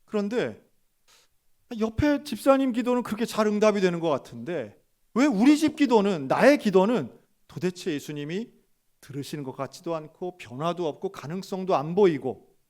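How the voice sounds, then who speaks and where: Male pastor preaching, high voice that jumps all over, acts out little scenes in quotes. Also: sing-song, normal speed, a little mellow. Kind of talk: sermon.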